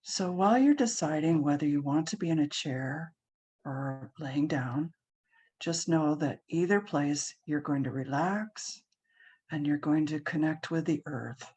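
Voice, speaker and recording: A woman leading a guided relaxation class, speaking softly and soothingly with frequent ums. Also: deep voice, unhurried, slightly rough. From Hawaii. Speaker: meditation guide.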